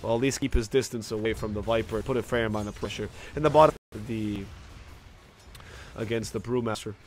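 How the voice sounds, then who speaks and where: An esports commentator casts a video game match solo, giving play-by-play into a desk microphone with faint music behind him. His fairly low voice moves rapidly, correcting itself and restarting mid-phrase.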